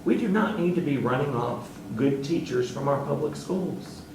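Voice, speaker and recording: A man who sits on a school board, answering interview questions earnestly and haltingly, with fillers, and turning emphatic. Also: mid-range voice, roomy sound, far from the mic, noisy background.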